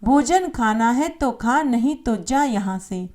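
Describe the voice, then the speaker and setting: A woman's voice: fairly high pitch, lively intonation, slow pace. A woman voicing a stingy old mother-in-law who scolds and turns away a holy man. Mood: scolding. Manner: sharp scolding.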